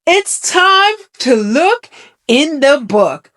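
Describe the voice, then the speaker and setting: A woman's voice: sits high, very animated, drawn-out words, a bit bright. A woman hosting a children's lesson in the manner of a kindergarten teacher, asking simple questions and giving encouragement. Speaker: host of a children's Bible show. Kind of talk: children's lesson, talking directly to young viewers.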